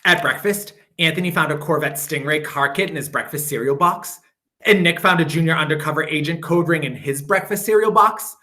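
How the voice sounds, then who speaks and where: A man, a teacher, reads a picture book to children in a slightly high voice, giving its repeated phrases long, expressive emphasis.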